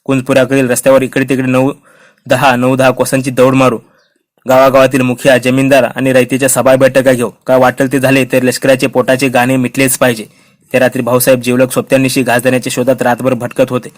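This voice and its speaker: A man reading a historical novel aloud in an even, steady voice, narrating and speaking the characters' lines without much change. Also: medium pitch, fast. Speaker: audiobook reader.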